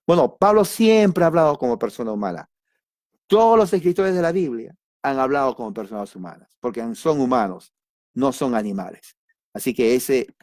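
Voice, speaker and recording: A male Bible teacher leads an informal Bible study, speaking conversationally and directly to listeners with emphatic asides and sudden exclamations. His mid-range voice has a darkish tone, recorded in clean studio sound without echo.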